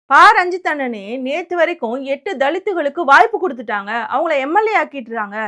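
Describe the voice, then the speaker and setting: A woman with a high-sitting, fairly bright voice delivers a combative political commentary monologue. Sarcastic and scornful, she fires rhetorical questions at her target and mockingly quotes her opponents.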